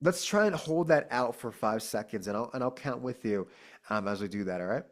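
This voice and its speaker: A laid-back man runs a casual singing lesson at an ordinary, middle-range pitch. He talks in an easygoing, encouraging way, constantly throwing in "dude" and "man". His delivery stays relaxed and chatty. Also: fairly quick. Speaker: vocal coach.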